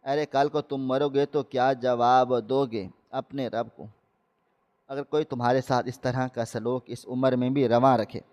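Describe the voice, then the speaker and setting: A man's voice: medium pitch, a little mellow, in a large hall, close to an everyday voice. A man voicing an earnest, compassionate traveller. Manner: earnest, urgent pleading.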